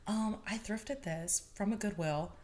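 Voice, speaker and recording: A woman in her twenties hosting her own podcast, telling stories in a chatty, animated way with bits of laughter. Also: medium pitch, unhurried. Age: 20s. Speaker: podcast host. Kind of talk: casual podcast monologue.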